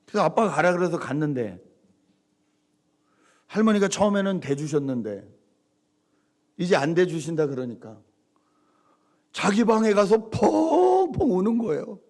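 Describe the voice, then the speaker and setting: A middle-aged man preaching a Sunday sermon as pastor, animated, acting out quoted lines and swinging between loud and soft. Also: on the high side.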